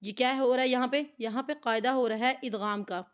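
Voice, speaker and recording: A woman teaching Quran recitation in an online lesson, patiently explaining each rule and then reciting phrases slowly for her students to repeat. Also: on the high side, fairly even intonation, clear, resonant tone.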